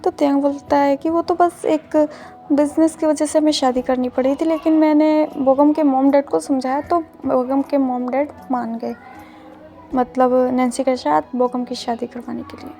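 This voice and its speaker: A woman casually retelling a fan-fiction love story, leaning on filler words as she goes. Her voice is high but mellow, and faint music plays underneath. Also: steady tone, moderate pace.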